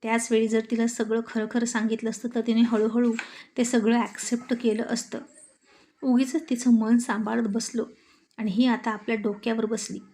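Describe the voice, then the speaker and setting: Furious hot-tempered young husband, as a woman narrator puts him on, scolding, fairly high voice, mellow tone, storybook drama. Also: steady tone, a little slow, lightly acted. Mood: angry. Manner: shouting, scolding.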